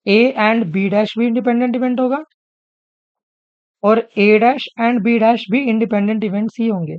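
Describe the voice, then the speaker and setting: A man with an Indian English accent teaching an exam-prep lesson. He reads each English question slowly, then explains it, often checking in with the students. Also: high-pitched, no echo, dull audio. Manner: explanatory, keeps checking in with "ठीक है?".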